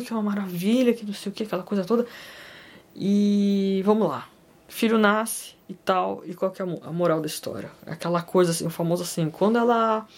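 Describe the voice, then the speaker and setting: A woman's voice: lowish voice, darkish tone. A woman talking casually about a film, rambling with many fillers and joking asides to her viewers. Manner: rambling, full of fillers, self-deprecating asides. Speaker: film commentator. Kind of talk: casual film analysis vlog.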